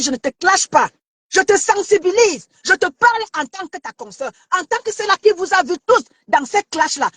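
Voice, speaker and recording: Here a woman from Cameroon, a social media commentator, rants online in a very high, confrontational voice, mocking her target and frequently shouting and stumbling over repeated words. The sound is dry and close-miked, without any surrounding room.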